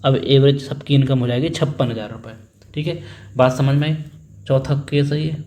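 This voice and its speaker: A man's voice: medium pitch, moderate pace, darkish tone. A young man teaching an exam-prep maths lesson, working sums aloud, repeating figures and prompting his students to answer. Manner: acts out family members in a little story.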